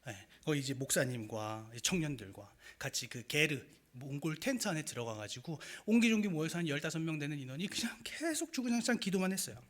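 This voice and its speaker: A young man preaching a sermon, telling a personal story in a lively, animated way. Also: fairly high pitch, a little fast, few pauses. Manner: animated storytelling with acted quotes and rising emotion.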